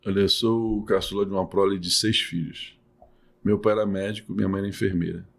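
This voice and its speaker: A man's voice: deep voice, fairly even intonation, a little fast, vocal fry. A middle-aged man from Salvador, a urologist and professor, answering podcast interview questions in a patient, explanatory way with many restarts. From Salvador, Bahia, Brazil.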